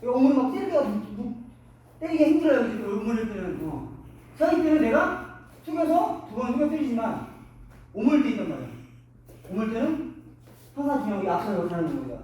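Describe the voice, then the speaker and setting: A middle-aged boxing coach drills a student with clipped commands and shouted punch sounds. His voice sits high and swings widely in pitch. The sound comes from a distance in a very echoey gym. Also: big pitch swings, brisk, pauses often. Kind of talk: hands-on boxing instruction. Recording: echoey gym, mic from afar.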